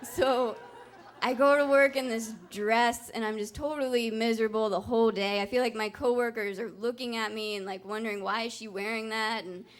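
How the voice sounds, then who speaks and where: A young woman with a somewhat high voice tells a personal story live on stage. She is candid and wry, pokes fun at herself, and keeps a conversational storyteller's flow. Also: fairly even intonation, normal speed, a faint crowd. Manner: candid, wry and self-mocking.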